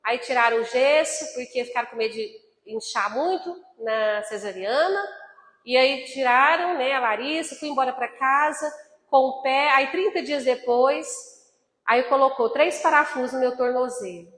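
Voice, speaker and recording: A woman's voice: high-pitched, normal speed, a bit bright, roomy sound, in a large hall. A woman in her fifties preaching a sermon, telling a personal testimony with emotion and speaking straight to the congregation. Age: 50s. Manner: emotional storytelling, addresses congregation as brothers.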